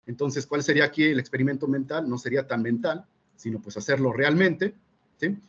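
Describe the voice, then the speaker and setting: A man, a physics teacher presenting at a seminar, measured and full of fillers and checking questions. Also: mid-range voice, slightly rough, highs cut off. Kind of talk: explanatory academic presentation.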